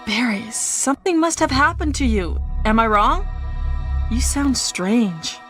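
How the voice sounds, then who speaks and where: A concerned young action heroine from a nineties video game. Her voice is high and her acting is stiff and amateurishly bad. Faint music plays behind her. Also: expressive, measured pace, fairly bright tone. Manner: stilted, wooden bad acting.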